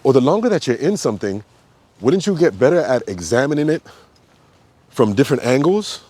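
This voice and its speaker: Man, yoga teacher, unscripted rant, blunt, swears a lot, mid-range voice, loud sharp bursts. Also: mid-range voice, big pitch swings, brisk. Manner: blunt, profane, ranting with sudden emphatic outbursts; loose, repetitive phrasing with frequent fillers. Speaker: yoga teacher and health coach. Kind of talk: unscripted spoken monologue.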